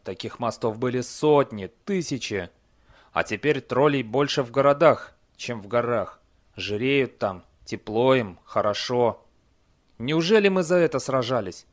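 Man doing a gruff old barbarian. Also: mid-range voice, expressive, unhurried, lightly acted. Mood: grumbling. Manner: curt, blunt.

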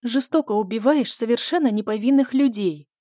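A scared young woman holds her ground, her voice trembling and raised higher than the narration, as a woman reader plays her. It is a close, dry recording with a mellow tone. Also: fairly quick, no echo, natural voice. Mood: defiant. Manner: trembling, pleading. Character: frightened young woman, stubborn.

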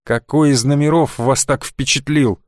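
A man's voice: medium pitch, fairly even intonation, moderate pace, dry recording, natural voice. A man reading an audiobook, playing a stern, sardonic male sorcerer who speaks curtly, in a dry recording. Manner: curt, then coaxing.

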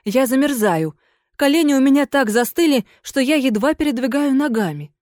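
A woman's voice: lively intonation, normal speed, a little mellow, dry recording, studio quality. A woman voicing a ghostly lady of an old manor who turns from haughty to desperate and imploring in a read-aloud story. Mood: pleading. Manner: shrill and imploring. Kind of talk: audiobook character voice.

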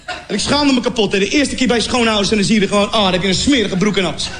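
High-voiced man doing stand-up. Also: very fast, slight background noise. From Morocco. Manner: animated storytelling with sound effects and mock voices. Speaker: comedian. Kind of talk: stand-up comedy.

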